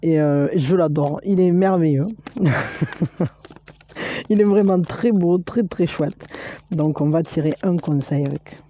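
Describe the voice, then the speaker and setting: In this spiritual tarot reading, a woman speaks encouragingly to the viewer, her delivery halting and filled with restarts and fillers. The voice is low-pitched and dark, the audio dull, with slight background noise.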